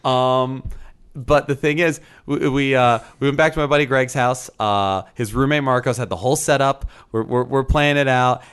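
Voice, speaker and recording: A man in his thirties co-hosting a podcast in casual chat, animated and quick to slip into playful voices. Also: medium pitch, clean tone. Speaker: podcast co-host.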